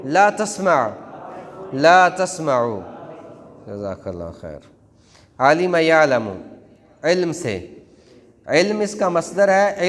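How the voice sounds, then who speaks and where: A man teaching a Quran class in a mosque, chanting verb conjugations in a rhythmic classroom drill. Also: a little high. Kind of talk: classroom Arabic grammar drill. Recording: long hall reverb.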